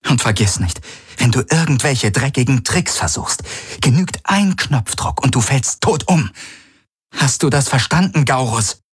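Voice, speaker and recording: A man's voice: mid-range voice, lively intonation, measured pace, breathy edge, voice pushed up. A man voicing a tense woman starship fighter who gives curt, snapping orders.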